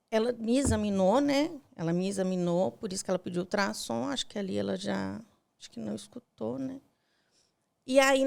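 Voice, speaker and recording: A tearful woman with a high voice and a gravelly edge tells a painful personal story. She acts out each exchange in quoted dialogue, and at times her voice drops to near a whisper. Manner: retells scenes with quoted dialogue, voice breaking softly. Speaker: podcast guest.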